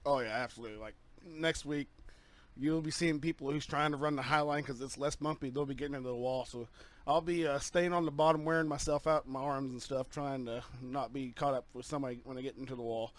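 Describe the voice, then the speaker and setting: A man giving a halting, earnest post-race victory interview as a sim racing driver, full of fillers, talking over a voice-chat headset. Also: medium pitch, steady tone, no echo.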